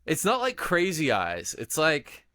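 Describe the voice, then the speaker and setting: Animated jokey man, lively pitch. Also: dry recording, clean studio sound. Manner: animated, jokey, chimes in with quick reactions. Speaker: podcast co-host. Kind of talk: casual chat recapping a reality show.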